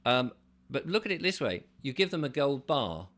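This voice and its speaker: A man's voice: medium pitch, big pitch swings, moderate pace, a bit bright. A man hosting his own video channel, talking unscripted and explaining his ideas step by step in an earnest way. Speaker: channel host. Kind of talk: unscripted solo video monologue.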